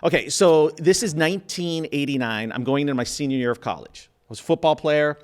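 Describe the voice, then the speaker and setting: A man's voice: a little high, fairly quick. A man in his fifties from Minnesota, hosting a podcast and telling a story casually, acting out the quotes and laughing often. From Minnesota, USA. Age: 50s. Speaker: podcast host.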